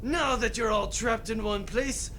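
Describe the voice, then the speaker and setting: A man's voice: high voice, measured pace, bright, forceful tone, slight background noise. A man playing a blustering, theatrical barracuda villain in a comic audio drama, gloating with melodramatic menace. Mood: menacing.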